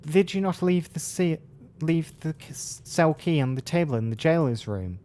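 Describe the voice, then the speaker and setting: A man's voice: fairly high pitch, expressive, moderate pace, a little mellow, slight background noise, voice pushed up, close to an everyday voice. A man voicing an obedient, anxious servant in a fantasy game, speaking deferentially to a master.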